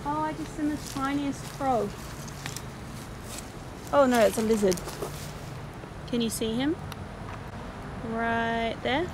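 A woman's voice: fairly high pitch, slow, long pauses. A young woman hosting a paranormal vlog, chatting casually as she walks through a cemetery at night and reads names off the headstones. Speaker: paranormal vlogger host. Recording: noisy outdoor night recording.

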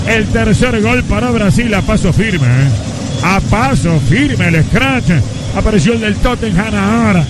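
A man with a Uruguayan accent giving excited live radio football commentary, repeating words in bursts and drawing out his calls. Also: high-pitched. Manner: excitable, repetitive rapid-fire phrasing. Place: live sports radio broadcast, noise behind the voice. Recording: very noisy AM radio match broadcast.

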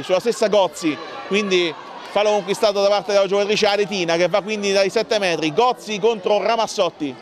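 High-pitched man commentating sport. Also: noisy background. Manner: excitable, calling out names and goals in bursts. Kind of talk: live handball match commentary.

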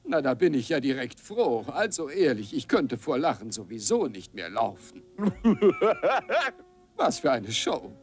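A man's voice: medium pitch, sing-song, a little slow. A man voicing a sarcastic, grumbling talking horse making mocking asides in a dubbed cartoon. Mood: mocking amusement. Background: music.

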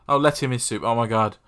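A young man casually playing a text adventure, reading the game's text aloud and adding deadpan, self-mocking asides at a desk mic. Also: mid-range voice. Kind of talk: casual let's-play commentary.

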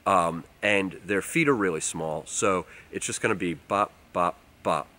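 A man, casually explaining outdoor tips to the camera in a relaxed way, recorded outdoors in a forest. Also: deep voice, measured pace. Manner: relaxed, explanatory, uses fillers like um and like. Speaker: outdoors channel host. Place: outdoors in a leafy winter forest.

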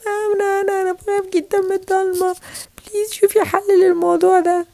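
A woman's voice: high-pitched, steady tone, a little fast, vocal fry, a little mellow. Woman doing a whiny little Egyptian girl. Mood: scared. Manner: whiny, pleading. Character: little girl, youngest sister, whiny and scared. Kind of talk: toy play voice acting.

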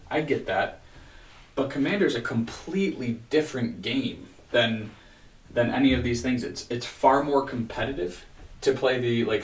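A man in his thirties giving a casual, rambling video-diary rant, weary and frustrated, with halting restarts. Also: medium pitch. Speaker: vlogger. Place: small home room with bookshelf, indoors. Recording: roomy echo, distant microphone.

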